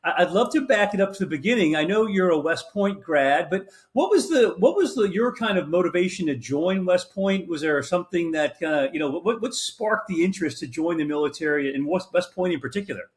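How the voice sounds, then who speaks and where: A man's voice: high voice, animated, fairly quick, hardly any pauses. A man hosting a veterans' podcast in a casual interview, talking enthusiastically with frequent fillers and restarts. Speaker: podcast host.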